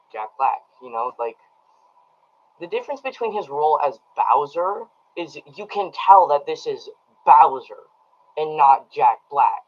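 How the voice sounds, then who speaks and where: Rambling man streaming a movie review. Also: a little high. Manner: rambling, many ums and restarts; talks straight to his live chat. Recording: dull lo-fi audio.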